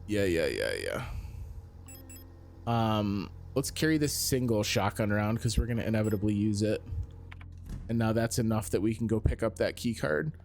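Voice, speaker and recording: A man's voice: fairly low pitch, lively intonation, normal speed, vocal fry, darkish tone, a little hiss or hum. A man giving casual video game commentary as a streamer, thinking aloud in a musing, self-questioning way.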